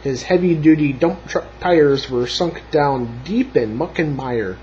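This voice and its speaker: A man reading a children's picture book aloud in an expressive, sing-song storytelling voice at home. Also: a little high, a little slow, muffled recording, a little hiss or hum.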